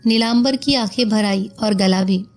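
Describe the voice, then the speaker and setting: A woman narrating a story in a calm, measured reading. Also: medium pitch, faint music behind.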